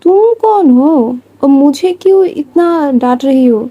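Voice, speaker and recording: A woman's voice: high voice, lively intonation, a little slow, no echo, highs cut off. A woman voicing a headstrong, carefree young woman who answers back with cheek and defiance in a story. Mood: defiant.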